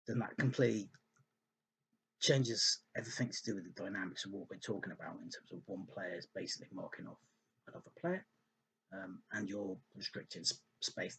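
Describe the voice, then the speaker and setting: A man's voice: low-pitched, normal speed, creaky, long pauses, fairly bright tone, husky. A man giving casual, rambling football analysis, thinking aloud with many ums and restarts while hiccuping. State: hiccuping and burping. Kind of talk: casual spoken analysis over slides.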